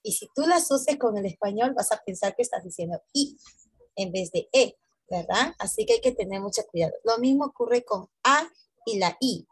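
A woman teaching English pronunciation to Spanish speakers. She draws out each letter sound slowly and ends her points with "¿no?". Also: medium pitch, animated, slightly rough, dry recording. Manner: slow, drawn-out letter sounds, tags lines with "¿no?". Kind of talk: online pronunciation lesson.

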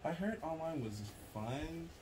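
Man in his twenties, casual chat, unhurried, animated intonation, noisy room. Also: a little high. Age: 20s. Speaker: waxing client. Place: indoor treatment room, lying on his back. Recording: clear background noise.

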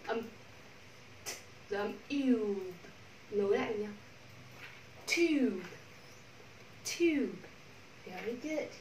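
A woman with a Vietnamese accent teaching English pronunciation to a class, modeling sounds slowly and repeating drills. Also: mid-range voice, warm tone, recorded from a distance. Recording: echoey room, from the mic, faint noise.

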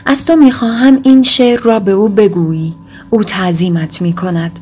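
A woman voicing an agitated, desperate young man in an audiobook reading, with intense outbursts that rise in pitch. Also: steady tone, darkish tone, husky, soft background music, lightly acted.

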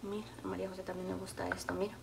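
A woman's voice: mid-range voice, little pitch movement, rapid-fire, creaky. A middle-aged woman with a Salvadoran accent chatting with her viewers while serving food, calling them sweet pet names. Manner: chatty, affectionate, calls viewers endearments. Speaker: cooking vlogger. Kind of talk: casual chat with live viewers. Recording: echoey room with faint noise.

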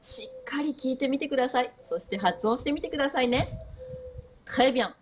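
A woman giving a short French pronunciation lesson, modelling sounds slowly and repeating them with lively emphasis. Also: sits high. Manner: lively, drawn-out pronunciation demos. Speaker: French teacher.

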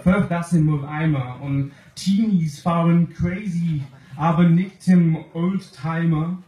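A young Englishman with an English accent and a slightly high, steady, warm voice reads a comic slam poem from a sheet, slowly and deliberately, in a second language. He performs on a small club stage before an audience, at a stand mic, filmed from the crowd; the club audio is roomy with faint noise.

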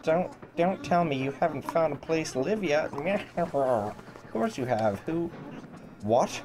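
A man's voice: on the high side, lively intonation, slow pace. Man voicing a chummy chatty cat traveler. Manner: nosy, chummy small talk. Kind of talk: voicing game dialogue aloud.

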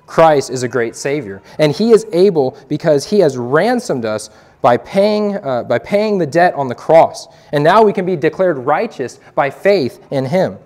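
A man's voice: a little high, a little mellow. A young man and evangelist giving an earnest, preacherly testimony to a youth group, quoting scripture as he speaks.

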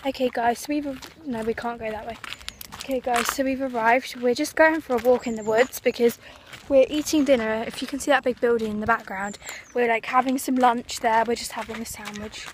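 Out at a sunny marina and along a woodland path, a teenage girl chats casually to her phone held at arm's length, rambling and saying "um" and "like" a lot. She talks a little fast in a slightly high, steady voice, captured in a noisy outdoor phone recording.

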